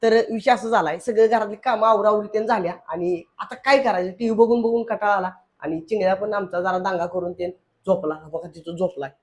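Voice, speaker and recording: A man's voice: sits high, steady tone, a little fast. A young man, hosting a casual family vlog at home and bantering jokingly with his wife. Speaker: vlog host. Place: home room.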